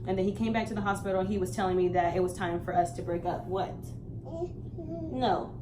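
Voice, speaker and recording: A woman's voice: lowish voice, brisk, background noise. A young woman vlogger casually telling a personal story, acting out what people said along the way. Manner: animated retelling, acts out quoted lines.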